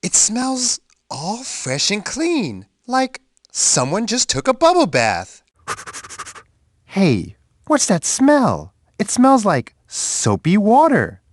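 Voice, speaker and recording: A man voicing a big, friendly, gentle bear in a children's game, full of curiosity and childlike wonder, with an expressive sing-song way of talking to young kids. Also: high-pitched, slow, no echo, studio quality, heavily acted. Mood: curious, wondering. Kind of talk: children's edutainment game voice lines.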